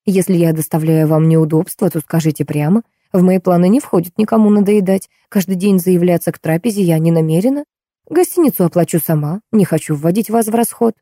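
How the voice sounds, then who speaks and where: A calm, formal woman writer lays out her plans in slow, measured sentences, as a reader voices her. The tone is dark, mellow and dry. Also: on the low side, no room sound. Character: woman writer, composed and deliberately polite.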